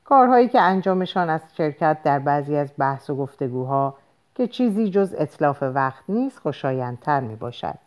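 A woman's voice: sits low, darkish tone. A woman narrating an audiobook in a first-person voice, reading expressively and lifting her voice for the dialogue. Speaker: audiobook reader.

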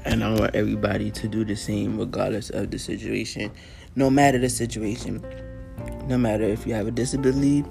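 A man hosting his own show, telling a personal story in an earnest, casual way, often clearing his throat and using fillers, sounding a little tired. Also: on the low side, level tone, brisk, over music. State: tired, yawning. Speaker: podcast host.

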